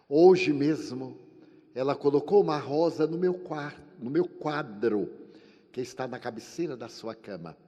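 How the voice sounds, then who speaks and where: Older Brazilian man, spiritist lecturer, theatrical storyteller, live hall with long reverb. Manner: animated storyteller, acting out dialogue with shifting pitch and volume. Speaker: spiritist speaker.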